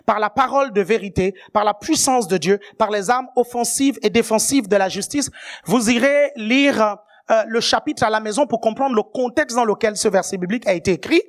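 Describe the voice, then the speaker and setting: A woman preaching a sermon with emphasis, often asking the congregation whether they are still following her and rising to shouted high points. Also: fairly quick.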